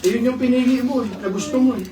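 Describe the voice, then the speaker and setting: High-voiced preacher in an echoey hall. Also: male voice, fairly even intonation, fast, a crowd in the background. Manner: call-and-response, keeps asking "right?"; playful, joking preacher. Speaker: pastor. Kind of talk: Taglish sermon. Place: church hall in Kuwait. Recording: echoey hall, mic far off, noisy.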